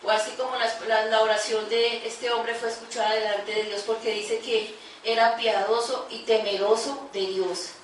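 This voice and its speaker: A woman's voice: fairly high pitch, flat delivery, moderate pace, slight background noise. A woman pastor preaching a sermon, praying aloud with fervour and reading scripture to her congregation. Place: large echoey church hall. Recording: very echoey church recording from far off.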